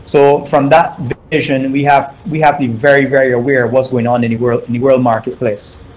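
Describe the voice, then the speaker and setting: A middle-aged man from Barbados, giving measured interview answers as a guest entrepreneur and often repeating words while he gathers his thoughts. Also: mid-range voice, little pitch movement, darkish tone, slight background noise, rough recording.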